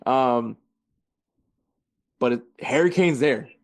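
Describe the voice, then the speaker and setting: A man hosts a casual football podcast at an ordinary, middle pitch. He rambles and corrects himself as he works through league standings and stats. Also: slow pace. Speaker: podcast host.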